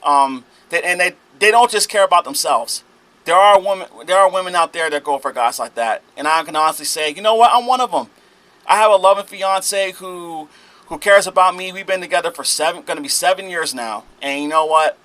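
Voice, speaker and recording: Bright-voiced man giving measured commentary. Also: sits high, animated, dry recording, low-quality recording. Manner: measured, hesitant with fillers, lecturing. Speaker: reaction video host. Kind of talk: commentary on a played clip.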